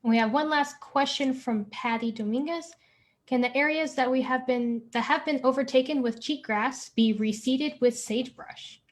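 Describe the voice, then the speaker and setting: A woman's voice: high voice, moderate pace. A woman hosting a family-friendly online bingo event, chatty and encouraging, drawing out the words she announces. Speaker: event host running bingo.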